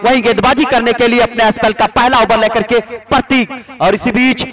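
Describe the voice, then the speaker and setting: A man delivers excited cricket commentary in a very high voice. He announces play and score in set, formal phrases. A noisy crowd is clearly heard around him. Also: brisk.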